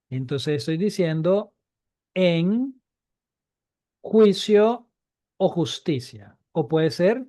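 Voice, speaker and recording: A man with a mellow, darker tone teaches Biblical Hebrew, repeating each point and checking in with his students. His voice sits a little high for a man, on a dry recording with no room around it. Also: no echo. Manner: repeats key points, asks students questions. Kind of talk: online class lesson.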